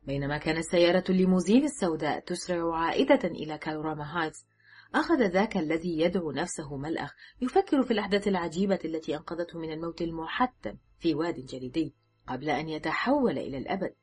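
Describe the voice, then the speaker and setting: A woman reads a thriller aloud in a measured, dramatic way. Her voice is low and very husky. Faint music plays underneath. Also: animated, a little mellow. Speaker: audiobook narrator. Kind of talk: scripted narration.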